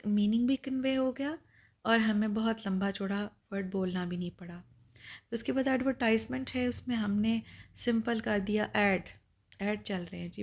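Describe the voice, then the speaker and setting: A woman teacher, her voice carrying a gravelly edge. She lectures patiently, going over each point twice and slowing down to read English definitions aloud. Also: medium pitch, a little mellow. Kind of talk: explaining lecture.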